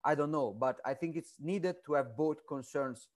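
Halting male podcast guest. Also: a little high. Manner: halting, many fillers and restarts. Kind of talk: casual interview talk.

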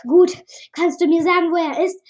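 A woman's voice: extremely high pitch, steady tone, normal speed, darkish tone, dull audio, voice pushed up. A woman voicing a frightened young male stranger who pleads in a stumbling, breathless way while reading a storybook aloud. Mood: pleading.

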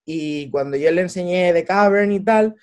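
A man, a guest chatting casually and telling stories in an animated way. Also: high voice, normal speed. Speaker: podcast guest. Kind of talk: casual chat.

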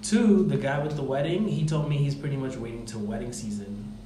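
A man with a mid-range voice and a fairly quick pace hosts a casual podcast, rambling through informal explanations full of filler words. His voice sits in a big, reverberant room with clear background noise.

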